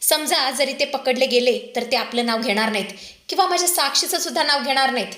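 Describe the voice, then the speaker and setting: Woman voicing a scheming male villain, calm, reassuring, high-pitched, bright. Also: brisk, roomy sound.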